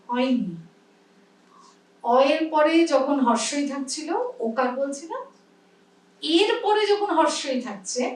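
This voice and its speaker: A woman with a high voice and a Bengali accent runs a pronunciation workshop. She explains step by step and keeps asking whether everyone is following. She is recorded from some distance in a roomy, echoing space. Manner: explains patiently, checks understanding often. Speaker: teacher. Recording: echoey room, mic at a distance.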